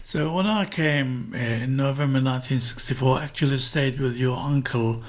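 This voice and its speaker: As a guest in an interview, an older Iraqi-born man from the country's north recalls the past at a moderate pace in a medium-pitched voice. He hesitates, repeating words and starting them over.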